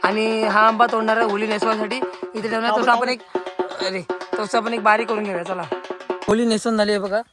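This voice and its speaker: Excited man vlogging a village festival. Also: high voice, a little fast, over loud music. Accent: Konkan Marathi. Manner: excited, calling out to friends while filming. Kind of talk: casual outdoor vlog commentary. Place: outdoors in a village field. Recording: crowd noise outdoors. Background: crowd of villagers.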